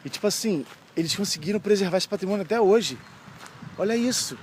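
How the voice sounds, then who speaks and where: A man's voice: high-pitched, expressive, fairly quick, darkish tone, slight background noise. A young man from Brazil, chatting casually and slangily while walking outdoors as a travel vlogger, easily amazed. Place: outdoors on a town street.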